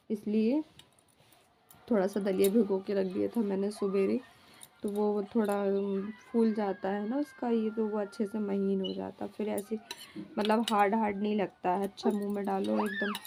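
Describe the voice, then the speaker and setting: A young mother talking to camera at home in a loose, rambling vlog chat, leaning on little filler words as she goes. Her voice sits at a middling pitch for a woman. The delivery stays homely and unpolished. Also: flat delivery, normal speed, gravelly, mellow, a little hiss or hum. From India. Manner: rambling and homely, fills with "matlab". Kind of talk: casual chatty home vlog.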